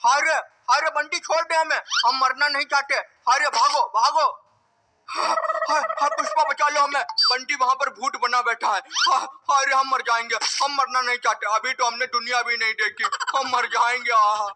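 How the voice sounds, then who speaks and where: A man's voice: very high voice, measured pace. A man voicing a cowardly, panicky father in a comedy cartoon, with a melodramatic wailing manner. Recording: cartoon dub with clear background noise.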